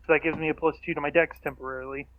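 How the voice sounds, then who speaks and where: A man's voice: fairly high pitch, little pitch movement, very fast. A man chatting casually as a player in a tabletop game. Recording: slightly dull lo-fi mic.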